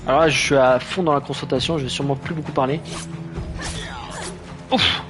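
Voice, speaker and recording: A man's voice: mid-range voice, fairly even intonation, a little fast, over music. A man giving casual, playful, exclamatory commentary as he plays a video game. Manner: exclamatory, playful, self-deprecating. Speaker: gamer, let's play host. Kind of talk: casual excitable gameplay commentary.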